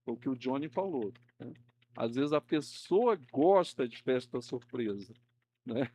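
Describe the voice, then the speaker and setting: A man's voice: medium pitch, animated, measured pace, dark tone. A man teaching a Sunday school class, chatty and conversational, often checking in with his listeners and acting out the people in his stories. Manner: conversational, uses tag questions like "né?" often; acts out quoted people in a raised voice. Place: church classroom.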